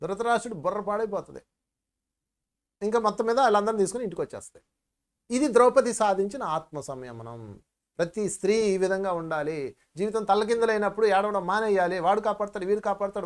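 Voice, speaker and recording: A man teaching meditation in a spiritual discourse, telling stories with lively emphasis and addressing listeners as friends. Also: high voice.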